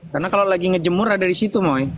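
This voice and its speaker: Patient preacher guy on a video call debate, kinda high voice, just explains things slow. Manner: calm, patient, explains slowly. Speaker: Islamic preacher hosting the debate. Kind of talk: live online interfaith debate.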